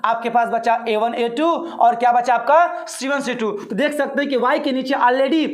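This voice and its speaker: A man teaching a math lesson online, reassuring his pupils and keeping them engaged with repeated questions. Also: very high voice. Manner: repeats steps slowly for pupils to say along.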